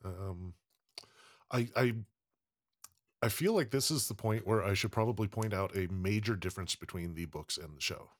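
A man's voice: low voice, moderate pace, dry recording, clean studio sound. A man hosting a casual podcast panel, talking with many ums and restarts. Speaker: podcast host.

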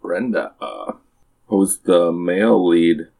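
Super low gravelly woman, dry questions, keeps the brainstorm moving. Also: very animated, takes it slowly, mellow. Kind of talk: casual brainstorming chat.

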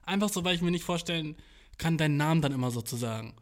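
A man's voice: a little high, fast talker. A young man chatting casually as a podcast host, rambling in slangy, profane talk and acting out his inner voice. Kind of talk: casual chat.

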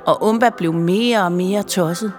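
A woman reading a children's story aloud, expressive and playful. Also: medium pitch. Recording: long reverb with music behind.

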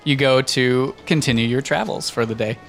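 A man's voice: medium pitch, normal speed, fairly bright tone, soft background music. A man narrating as game master of a tabletop game, loose and casual with fillers.

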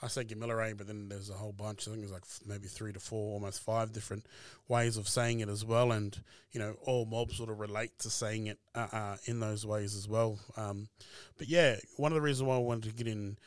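A man hosting a podcast interview, talking in a relaxed way with many "uh" fillers. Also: fairly low pitch, fairly quick, few pauses, no echo. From Australia. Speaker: podcast host. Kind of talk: casual interview chat.

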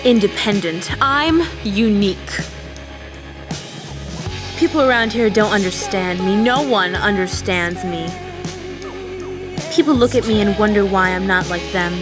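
Angsty, melodramatic teen loner played by a young actress: hammy amateur film acting, slow, over loud music. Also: female voice, medium pitch, lightly acted. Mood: aloof, self-important. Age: teenager. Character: angsty melodramatic sixteen-year-old girl, self-important loner.

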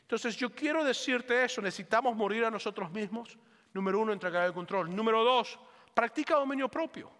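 A male pastor preaching a sermon, swinging between fervent loud calls and hushed, pleading lines. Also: very high voice, long reverb tail. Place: church sanctuary.

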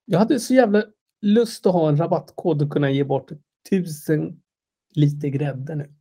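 A man co-hosting a casual podcast chat, making dry jokes and quick quips. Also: fairly high pitch, dark tone, husky. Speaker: podcast co-host.

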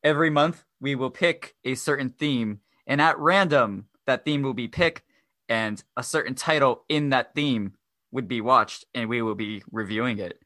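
A man's voice: mid-range voice, moderate pace, sharp tone, no echo. A young man hosting a podcast, speaking in a stiff, half robot voice and making beep-boop noises. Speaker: podcast host. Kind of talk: casual podcast chat.

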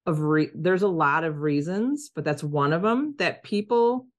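A low-voiced woman host leads a casual podcast interview. She affirms what her guest says and follows up with encouraging questions. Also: expressive, unhurried.

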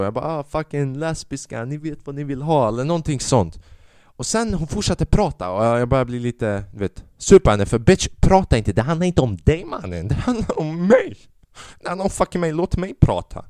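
A young man, a comedian, telling a story in a profane, animated casual rant, dropping in English phrases. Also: medium pitch, clean tone, no echo, clean studio sound.

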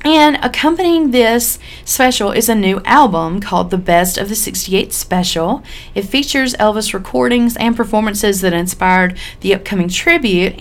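A woman with a mid-pitched voice co-hosts a casual podcast. She talks in a chatty, folksy way and sounds slightly under the weather, as if she has a cold. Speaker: podcast host.

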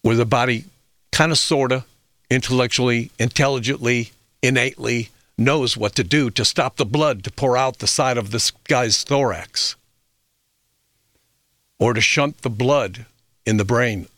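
A man's voice: mid-range voice, a little slow, fairly bright tone, no echo, studio quality. Man telling stories on health radio. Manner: reflective storytelling with frequent fillers and restarts. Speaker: health radio show host. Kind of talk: radio talk monologue.

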